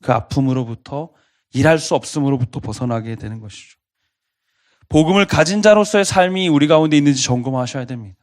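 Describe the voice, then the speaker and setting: Guy pastor giving a sermon, earnest, keeps asking the room questions, mid pitch voice. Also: a little fast. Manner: earnest, asks the congregation repeated questions.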